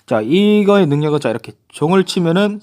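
Young man, gaming commentator, casual, talks to himself, animated pitch, slightly high voice. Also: a little fast, background noise. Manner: lively, talks to himself while playing. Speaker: gaming YouTuber.

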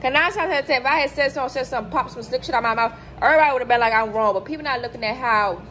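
Animated young woman with a higher voice, telling a storytime. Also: very fast, slight background noise, rough recording. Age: 20s. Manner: animated, acts out quoted people in a higher voice. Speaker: vlogger. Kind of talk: casual storytime chat. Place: hotel room, indoors. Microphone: phone camera held close below the face.

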